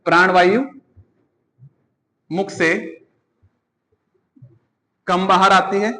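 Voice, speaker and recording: A man's voice: high voice, little pitch movement, drawn-out words, bright, forceful tone, long reverb tail, poor audio. A man teaching an exam-prep grammar lesson, asking questions and answering them himself, repeating key points.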